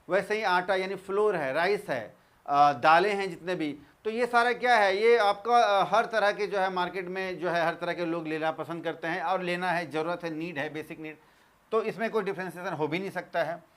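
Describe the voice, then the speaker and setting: A man teaching a commerce lesson, reading English lines slowly and then explaining them in Hindi with fillers. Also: sits high, a bit bright.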